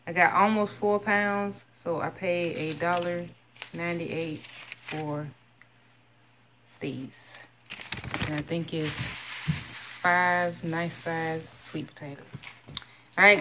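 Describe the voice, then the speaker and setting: Holding her phone camera close, a thirties-aged vlogger walks through her grocery haul in her kitchen at home, chattily reading off prices one item at a time. She speaks with a lowish voice over some background noise.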